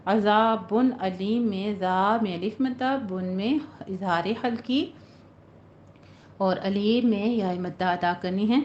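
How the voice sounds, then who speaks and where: A woman's voice: medium pitch, a little mellow. Woman teaching Quran recitation rules. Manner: recites verses slowly, then explains rules briskly. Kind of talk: tajweed lesson with slow recitation. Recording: dull lo-fi recording with faint noise.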